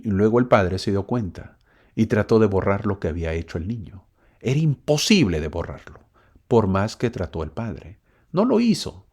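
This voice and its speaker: A man gives a church lesson. His voice sits low but swings widely up and down. He tells short stories and puts questions to the listener. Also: darkish tone. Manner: storytelling, asks listeners questions, reads verses aloud. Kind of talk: recorded scripture lesson.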